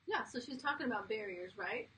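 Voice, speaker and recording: Bright, upbeat woman host. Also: on the high side, lively intonation, a little fast. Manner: upbeat, encouraging interjections. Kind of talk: casual interview talk. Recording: distant mic with faint background noise.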